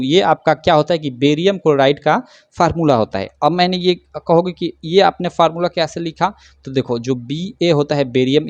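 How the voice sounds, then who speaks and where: A man with a higher-leaning voice and a darkish tone teaches science at a whiteboard, and there's no echo. He breaks things down step by step, answers the questions he keeps raising, and leans heavily on fillers like "theek hai."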